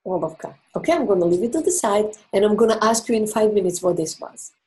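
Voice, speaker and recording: Offering relationship advice as an interview guest, this native Croatian speaker has a Croatian accent and a medium-pitched, darkish voice. She explains things earnestly, pausing for emphasis.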